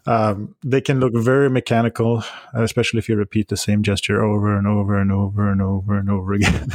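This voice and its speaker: A man's voice: lowish voice, no room sound, studio quality. A man co-hosting a podcast, giving advice in an easygoing way with light laughs. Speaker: podcast co-host. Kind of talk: casual chat.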